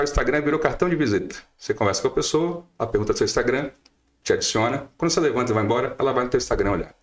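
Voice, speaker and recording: A middle-aged Brazilian man giving emphatic advice as a guest lawyer on a podcast, firing off rhetorical questions. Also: medium pitch. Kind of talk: podcast interview.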